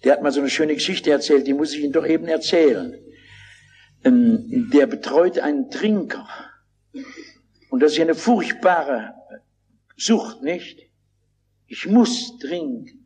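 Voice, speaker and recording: A man's voice: a little high, animated, measured pace, long pauses, a little mellow, a little hiss or hum. An older man preaching a sermon, telling stories with fervent, dramatic delivery and acted-out quotes.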